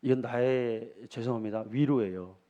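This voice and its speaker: A man's voice: mid-range voice, normal speed, dark tone, muffled recording. A middle-aged man, preaching a sermon as pastor, telling homely stories and often asking the congregation questions. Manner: folksy storytelling, asks the congregation questions.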